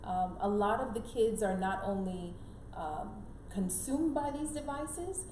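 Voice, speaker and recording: A middle-aged woman born in Jamaica and raised in Canada offers earnest advice as an interview guest, speaking emphatically and repeating key phrases. Her medium-pitched voice is animated and darkish in tone, at a measured pace. The room has a noticeable echo and clear background noise.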